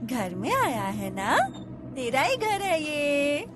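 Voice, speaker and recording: An actress playing a young mother in a TV serial who soothes and coos to her crying baby in gentle baby talk, with background music playing. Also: high-pitched, big pitch swings, slow pace, very noisy, heavily acted. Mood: soothing. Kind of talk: TV serial acting.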